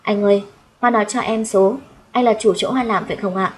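A gentle young woman who speaks softly and politely, as a woman narrator reads her part. The reading is plain and unhurried audiobook style. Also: mid-range voice, fairly even intonation, breathy edge, close to an everyday voice. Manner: soft-spoken, polite.

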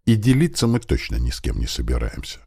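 A man's voice: very deep voice, wildly swooping pitch, fast talker, vocal fry, mellow, husky, voice pushed down, full character voice. A man doing a menacing young thug boss. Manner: threatening, hissing through teeth.

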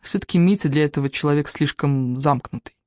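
A woman narrating a novel as an audiobook reader, in a measured storytelling manner. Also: low voice, dark tone, dry recording, clean studio sound. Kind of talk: scripted narration.

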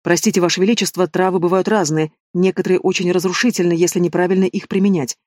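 A man's voice: high voice, fairly even intonation, quick pace, a little mellow, dry recording, clean studio sound. A man voicing a humble young healer's apprentice who speaks politely and apologetically. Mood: earnest.

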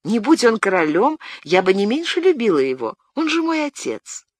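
Reader putting on a young noblewoman, high light voice, tender, pleading, lively pitch. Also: normal speed, no room sound. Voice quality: higher, lighter voice. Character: young noblewoman, loving and earnest. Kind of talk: audiobook narration.

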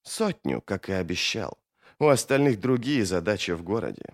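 Man reading as cold cannibal sorcerer, low voice, hushed, ominous, audiobook. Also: very animated, normal speed. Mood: cold menace. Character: cold, menacing man, a flesh-eating sorcerer.

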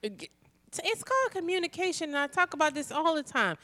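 A woman's voice: high voice, very animated, quick pace, bright, forceful tone. A woman co-hosting a talk radio show, blunt and playful, chatting frankly and laughing often. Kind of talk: casual frank chat.

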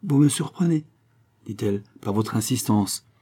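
A man's voice: lowish voice, fairly even intonation, a little fast, mellow, husky. A man reading the part of a young woman who answers in a dry, firm, clipped way. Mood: curt. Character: cool, curt young woman, a gifted musician.

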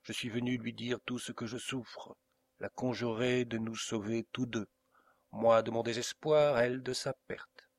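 A man voicing a desperate, impassioned nobleman count in an audiobook, pleading with slow, vehement delivery. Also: medium pitch, fairly even intonation, close to an everyday voice. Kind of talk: audiobook character reading.

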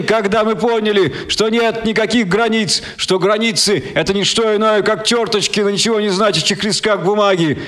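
A man voicing a fiery orator who declaims slowly and rousingly to a crowd. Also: high voice, fairly bright tone, voice pushed up. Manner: declaiming, rousing, slow rhetorical cadence.

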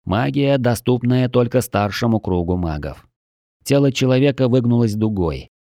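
Mellow-voiced man narrating a book. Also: medium pitch, expressive, dry recording, studio quality. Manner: measured storytelling delivery. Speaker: audiobook narrator. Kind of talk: scripted narration.

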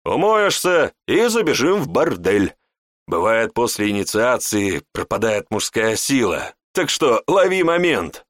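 A man voicing a boisterous, rowdy young male joker who talks loudly. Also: mid-range voice, sing-song, unhurried, dry recording, clean studio sound. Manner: loud, boisterous.

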